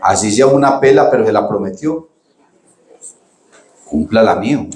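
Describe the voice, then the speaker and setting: A man's voice: on the low side, animated, normal speed, a little mellow, roomy sound. A middle-aged man preaching a sermon, talking to the congregation in a casual, chatty way and calling them brother. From Colombia. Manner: conversational preaching, addresses congregation as "hermano". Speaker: pastor.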